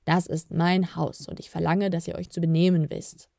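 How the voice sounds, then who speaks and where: A woman voicing a tired, stern male elf leader with a deep voice, in a storybook reading. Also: little pitch movement, moderate pace, creaky, mellow.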